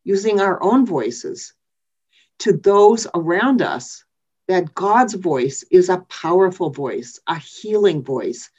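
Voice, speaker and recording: A woman preacher giving a sermon in a measured, reflective way, with thoughtful pauses. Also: on the low side, expressive, a little mellow, breathy edge. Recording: dull lo-fi recording.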